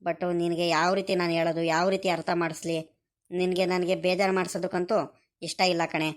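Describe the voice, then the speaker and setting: A woman voicing a poor, dutiful young male farm boy in a village cartoon, explaining things softly and pleadingly in a rural Karnataka Kannada accent. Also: fairly low pitch, flat delivery, normal speed, natural voice. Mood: earnest. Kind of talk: animated cartoon voice acting.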